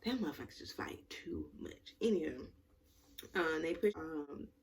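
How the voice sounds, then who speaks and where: A woman's voice: sits low, expressive, moderate pace, far from the mic. A woman chatting casually and rambling through a recap, swearing and using lots of filler words. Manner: rambling, profane, full of fillers. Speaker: tarot reader recapping a reality show. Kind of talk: casual chat.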